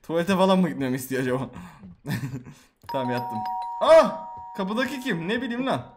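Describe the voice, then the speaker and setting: A young man hosting a horror game video, reacting loudly with swearing and reading story text aloud. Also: a little high, big pitch swings, moderate pace, over music. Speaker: gameplay video host. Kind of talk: excited horror game commentary.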